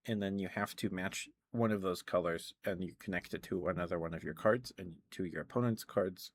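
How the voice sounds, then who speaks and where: Low-voiced man rambling casually. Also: brisk. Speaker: ASMR live streamer. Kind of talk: casual ASMR rambling to chat.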